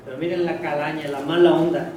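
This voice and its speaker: A man's voice: a little high, fairly even intonation, fast talker, a little mellow, distant mic. A man preaching a sermon as pastor, emphatic and urging listeners to pay attention. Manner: emphatic, keeps telling listeners to listen closely. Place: church. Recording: very echoey church hall from afar.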